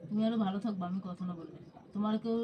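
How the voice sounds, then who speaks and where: A woman's voice: medium pitch, rapid-fire, highs cut off, slight background noise. A woman, scolding her husband in a staged argument for a prank video. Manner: scolding, repetitive, insistent. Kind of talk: staged argument, then casual talk to viewers. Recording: voice from some distance, hidden camera.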